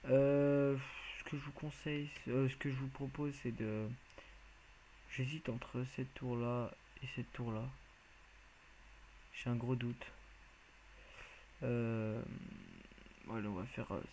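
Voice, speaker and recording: A man's voice: mid-range voice, darkish tone, slight background noise, poor audio. A man giving casual, rambling commentary as he plays a video game, hesitant and full of filler sounds. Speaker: video game let's player.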